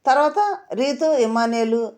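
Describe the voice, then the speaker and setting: A woman recapping a reality show episode in casual talk, quoting the contestants in a lowered voice. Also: lively intonation, normal speed, darkish tone. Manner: retells quotes with lower voice.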